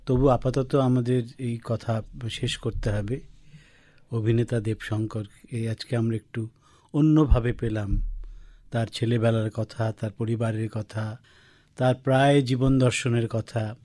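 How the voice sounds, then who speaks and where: A man hosting a radio interview in a studio, asking questions in a quick, friendly, affirming way. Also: medium pitch, steady tone, dark tone, no echo.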